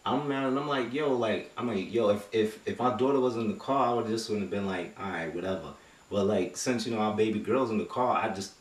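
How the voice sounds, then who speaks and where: Deep-voiced man telling a story, echoey room. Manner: animated, acts out quotes, street slang. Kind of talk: casual storytelling. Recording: echoey room, mic far off.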